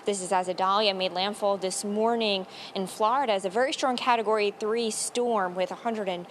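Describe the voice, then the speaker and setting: A woman's voice: mid-range voice, steady tone, fairly quick. Woman weather reporter, faint ambient noise. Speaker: meteorologist reporting live. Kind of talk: live TV weather field reporting, explanatory.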